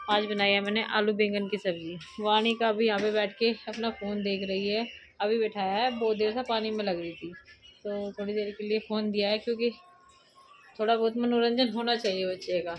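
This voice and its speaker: Young female family vlogger with an Uttar Pradesh Hindi accent, chatty and explanatory, everyday mid-pitched voice. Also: fairly even intonation, moderate pace, muffled recording, soft background music. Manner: chatty, explains each chore to viewers as she works. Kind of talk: casual vlog narration of housework.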